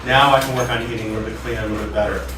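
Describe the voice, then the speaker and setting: A man leading a casual factory tour, talking in halting starts and repeating his words. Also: lowish voice, fairly even intonation. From United States. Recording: roomy, distant mic, loud background noise.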